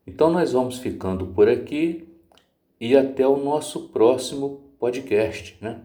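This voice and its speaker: Speaking in an unhurried, mellow, medium-pitched voice with lively intonation, a man teaches guitar step by step with patience. He sings brief lines to show each change of chord. The room sounds spacious, and acoustic guitar plays beneath his words.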